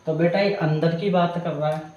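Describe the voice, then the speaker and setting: A physics teacher works through a problem one step at a time, addressing his students as "beta" in a step-by-step lesson. His voice is fairly high, steady, and a little mellow, at a moderate pace. The recording is muffled, with slight hiss or hum, and the room is very echoey.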